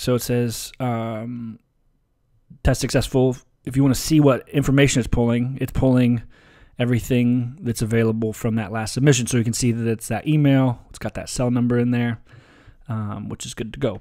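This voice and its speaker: A man presenting a relaxed, casual software tutorial over a screen recording, with frequent ums and uhs. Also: mid-range voice, a little fast. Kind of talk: screen-share software walkthrough.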